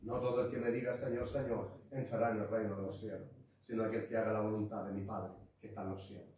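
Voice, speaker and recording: A man preaching a sermon as pastor, passionate, rising to loud cries and dropping to low asides, calling his listeners brother and church. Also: little pitch movement, fast, slight background noise. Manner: addresses the congregation as "hermano" and "iglesia". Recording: echoey hall, voice far from the mic, muffled.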